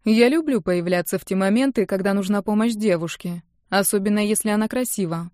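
A woman voicing a smug, teasing young man in an audiobook, speaking slowly with mock tenderness. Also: mid-range voice, darkish tone, no room sound, studio quality, lightly acted. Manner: slow, mock-tender, smirking.

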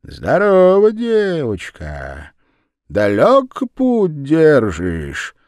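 A man voicing a sly, greedy, shaggy aunt in a storybook reading, with a shrill, wheedling, loud delivery. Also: wildly swooping pitch, extremely slow, no room sound, clean studio sound, full character voice.

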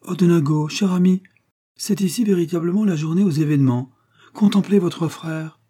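A man's voice: mid-range voice, expressive, moderate pace, mellow, husky, voice pushed up. A male reader voicing a vain, effusive middle-aged woman who has newly remarried, exclaiming piously and gushing over everyone.

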